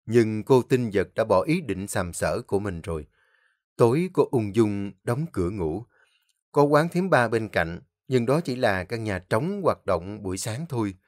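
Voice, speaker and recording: A man's voice: lowish voice, no room sound, clean studio sound. A man narrating a dramatic story vividly.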